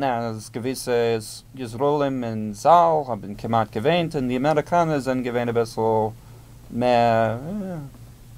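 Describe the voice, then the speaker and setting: Hesitant man with a smooth voice. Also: medium pitch, a little mellow. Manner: halting, searches for words with many pauses. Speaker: podcast co-host. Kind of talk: casual chat.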